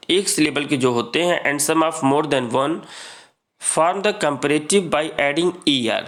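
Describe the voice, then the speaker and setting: A man teaching English grammar in a lesson, reading rules slowly and explaining them with many repetitions. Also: a little high, fairly bright tone. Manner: reads English rules slowly, then explains, repeating "ठीक है".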